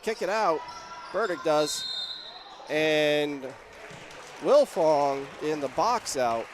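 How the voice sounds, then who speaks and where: A young man calling live high school basketball play-by-play, rising to shouts on big plays. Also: expressive, extremely slow, a crowd in the background, background noise. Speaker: play-by-play commentator. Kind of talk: live sports commentary.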